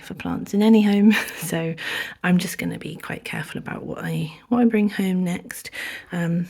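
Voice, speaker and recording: Woman w a cold, low husky voice, kinda breathless, half whispering about her plants at home. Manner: soft, half-whispered, hesitant with many ums. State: has a cold, short of breath. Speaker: houseplant vlogger. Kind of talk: casual plant tour. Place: indoors at home among houseplants.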